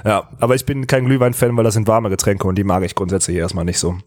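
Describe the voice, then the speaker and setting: A man's voice: lowish voice, flat delivery, fast, a little mellow, no echo. A man co-hosting a casual podcast chat, telling a story with enthusiasm, many restarts and fillers. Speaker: podcast co-host.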